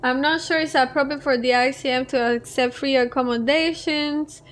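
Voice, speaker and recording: High-voiced woman commenting on a game. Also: steady tone, moderate pace, a bit bright. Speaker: video game player and commentator. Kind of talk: casual playthrough commentary, reading choices aloud.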